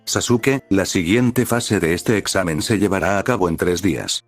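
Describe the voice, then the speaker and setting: A man's voice: low voice, normal speed, no echo, soft background music. A man voicing a flustered, rule-bound adult male ninja teacher in a storybook reading, earnest and explanatory.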